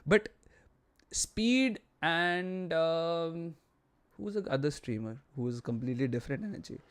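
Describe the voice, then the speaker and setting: A thirty-year-old man with an Indian accent chats casually on a livestream in a lax, mellow, low-energy way, slipping Hindi phrases into his English. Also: measured pace, clean tone. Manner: low-key, relaxed, lax, low-energy delivery. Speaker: live streamer. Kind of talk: casual chat with viewers on a livestream.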